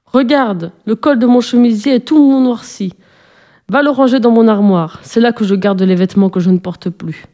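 A woman voicing a haughty, bossy rich lady who scolds her young maid in shrill, trumpeting tones. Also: normal speed, warm tone, lightly acted. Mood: scolding.

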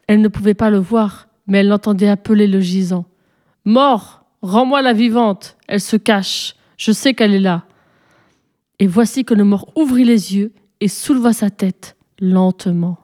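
Mellow-voiced woman reading a folk tale. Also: mid-range voice. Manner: expressive, dramatic pacing, hushed at tense moments. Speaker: storyteller. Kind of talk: scripted story narration.

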